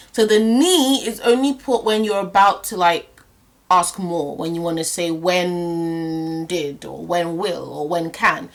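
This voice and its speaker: A woman with a medium-pitched voice teaches a language lesson, explaining things step by step. She repeats example phrases slowly and checks in often with the listener.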